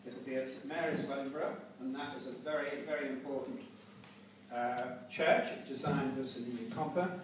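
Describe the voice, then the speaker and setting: A man's voice: medium pitch, fairly even intonation. Rambling older man speaking in an echoey room. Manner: rambling, digressive, halting. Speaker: family member giving a speech at a memorial gathering. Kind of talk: informal, unscripted eulogy speech. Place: large echoey room with a gathering. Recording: roomy, distant recording with background noise.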